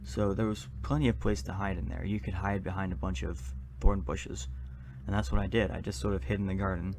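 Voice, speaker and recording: Low, creaky-voiced man telling a story. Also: fairly even intonation, fairly quick, background noise. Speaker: narrator recounting own dream. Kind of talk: first-person storytelling of a scary dream, semi-scripted.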